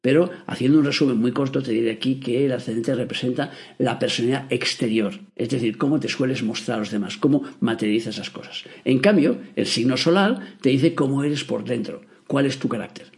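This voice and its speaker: A man with a Spain Spanish accent hosts his podcast and explains things in a relaxed, chatty monologue. He often leans on fillers like "o sea" as he goes. His voice sits at an ordinary middle pitch. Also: brisk, creaky. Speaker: astrology podcast host.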